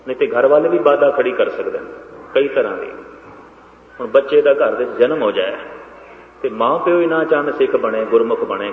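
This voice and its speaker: A man giving a Sikh religious discourse to a congregation, emphatic and repetitive, swinging between loud and soft. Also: mid-range voice, a little hiss or hum. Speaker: Sikh preacher. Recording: echoey dull lo-fi hall recording.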